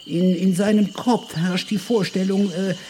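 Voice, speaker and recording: A man's voice: high-pitched, steady tone, measured pace, mellow, slight background noise, pitched above the performer's own voice. A man doing a stammering pompous professor. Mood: lecturing. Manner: stammers with many fillers.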